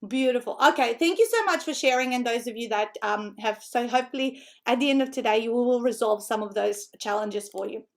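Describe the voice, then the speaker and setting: A book-writing coach from North Macedonia, middle-aged and natively Macedonian-speaking, presents an online seminar with plenty of energy. Her pitch is fairly high and her pace fairly quick, with hardly any pauses, in an Australian accent tinged by Macedonian. She's chatty, full of laughs and tag questions.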